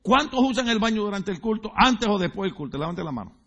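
A man's voice: high voice, sing-song, fast talker, bright, forceful tone, dull audio. A male pastor preaching a sermon in a church, joking and teasing the congregation and asking them questions. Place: church sanctuary.

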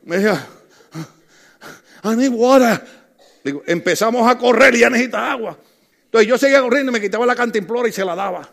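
A middle-aged male pastor delivers a lively sermon, spinning jokes and stories and calling out to his listeners. His voice sits high for a man and has a gravelly edge to it. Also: rapid-fire. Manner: humorous storytelling, calls out to the congregation.

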